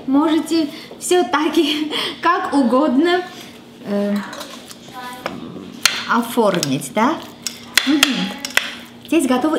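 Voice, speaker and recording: A woman in her thirties with an Armenian accent hosting a cooking show in her home kitchen, chatting casually and thinking aloud with fillers and restarts. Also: on the high side. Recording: echoey kitchen with background music.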